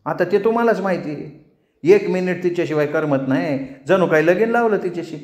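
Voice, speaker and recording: A man's voice: high-pitched, expressive, a little fast, a little mellow, echoey room, voice pushed up. A man doing a fierce tamasha troupe owner woman. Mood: sharp. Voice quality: village dialect speech. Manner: scolding, commanding.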